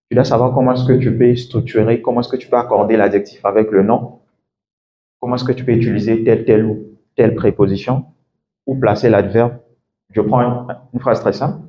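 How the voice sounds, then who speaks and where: A man's voice: mid-range voice, dull audio. A man working as an English coach gives a classroom lecture, explaining step by step and often checking in with "d'accord?".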